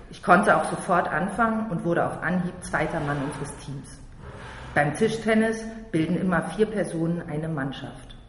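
With roomy hall reverb and faint noise in the background, a Berlin man narrates a first-person story aloud in a blunt, slangy, tough-talking way. He reads at normal speed in a slightly high, fairly bright voice.

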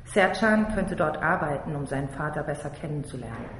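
A man's voice: fairly high pitch, animated, a little fast, fairly bright tone. Man, from Berlin, first-person audiobook reading, blunt, slangy, roomy reverb. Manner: blunt, slangy and tough-talking. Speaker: narrator. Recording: roomy hall reverb, faint noise.

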